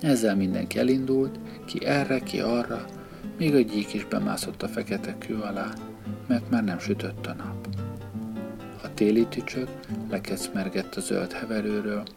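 A man reading a children's animal story aloud in a slow, gentle storytelling manner. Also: lowish voice, steady tone, vocal fry. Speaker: narrator. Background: guitar music.

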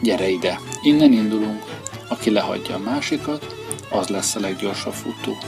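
A man's voice: fairly low pitch, lively intonation. A man voicing a proud, scornful grass snake who hisses his words, over violin music. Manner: hissing.

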